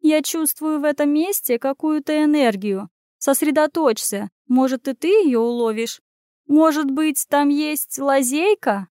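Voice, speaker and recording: A woman voicing a bossy, sharp-tongued female cat in an audiobook, scolding in quick retorts. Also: sits high, no echo, studio quality, voice pushed up. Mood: fretful. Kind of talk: audiobook character voice.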